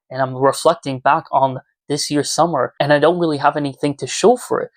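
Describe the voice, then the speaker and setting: A twenty-year-old man with a slightly high voice confides earnestly and reflectively to viewers in a casual YouTube vlog. He records indoors in his small room at home, and there is no room sound.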